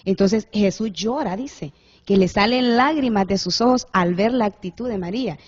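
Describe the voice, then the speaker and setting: Woman calmly retelling a Bible story. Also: medium pitch, husky. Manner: measured, storytelling retelling of scripture. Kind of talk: Bible-based reflection. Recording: slightly muffled lo-fi recording.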